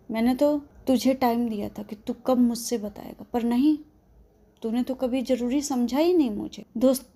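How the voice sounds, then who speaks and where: A woman voicing a blunt young male friend who scolds and teases roughly, in a Hindi story narration. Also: a little high, dark tone.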